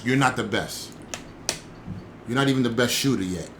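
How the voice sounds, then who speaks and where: A man's voice: medium pitch, moderate pace, noisy background. A young man co-hosting a podcast, arguing his points in an assertive, emphatic way during a casual debate. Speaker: podcast co-host.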